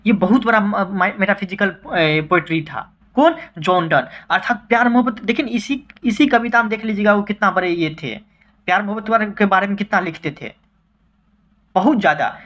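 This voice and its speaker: A man's voice: high-pitched, fairly bright tone, highs cut off. A man teaching an exam-prep poetry lesson in a chatty way, often asking whether students understood. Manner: chatty, repeatedly checking understanding.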